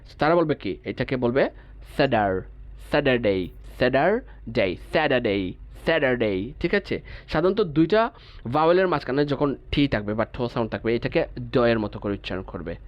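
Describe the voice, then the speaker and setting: A man's voice: medium pitch, expressive, a little fast, dry recording, highs cut off. A man teaching English pronunciation in an online class, breaking words into single sounds, repeating them and checking in with the students.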